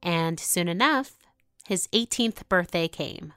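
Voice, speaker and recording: Low-voiced female narrator, measured and scripted, dry booth sound with faint music. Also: animated, pushed and bright, smooth, no room sound.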